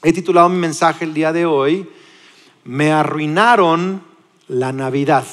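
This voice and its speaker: A man in his forties with a Mexican accent, preaching a sermon in a lively, conversational way with frequent restarts. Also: on the high side, a little slow, big-room sound. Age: 40s. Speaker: pastor. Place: church.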